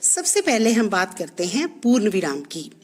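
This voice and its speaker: A woman teacher giving a classroom lesson, explaining slowly and deliberately and working through example sentences. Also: medium pitch, big pitch swings, darkish tone.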